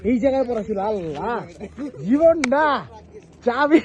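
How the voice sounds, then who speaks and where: Excitable young man on a night ride. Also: very high-pitched, moderate pace, dull audio. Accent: Old Dhaka Bangla. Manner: excited, exclaiming, chatty with friends. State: cold and worn out. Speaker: motovlogger. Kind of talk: casual night-ride vlog chatter. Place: city road at night, on a motorbike. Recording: noisy outdoor street recording. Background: traffic and street noise.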